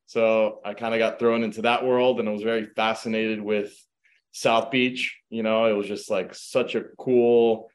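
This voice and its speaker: Speaking over a video call, a Croatian-born man raised in the US recounts his background as a guest in a casual interview. The middle-aged real estate agent has a lowish voice and a moderate pace, storytelling loosely with plenty of ums and you knows.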